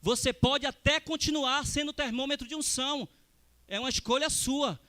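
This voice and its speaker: A man preaching a sermon as a missionary, speaking emphatically and rising to forceful exclamations. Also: very high voice, normal speed.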